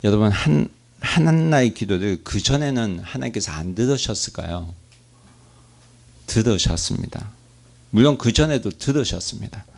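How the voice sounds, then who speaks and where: A man's voice: fairly low pitch, lively intonation, normal speed, vocal fry. A man pastor preaching a sermon, asking his congregation questions and acting out prayers.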